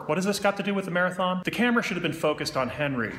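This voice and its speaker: A man's voice: sits high, expressive, very fast, fairly bright tone, long reverb tail. A man hosting and narrating a studio practice show, delivering scripted lines with dry irony and a lecturing tone. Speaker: host.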